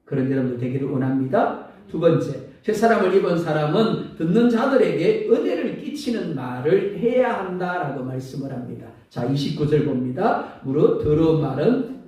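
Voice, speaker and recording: A male pastor preaching a sermon with an animated delivery, acting out everyday sayings, his throat a little sore. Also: on the high side, moderate pace. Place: church sanctuary. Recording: echoey church hall from far off.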